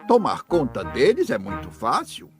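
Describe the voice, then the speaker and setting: A man voicing a good-natured old grandfather pig in a children's cartoon dub, indulgent and hugely expressive. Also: on the high side, normal speed. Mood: genial. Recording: music behind the voice.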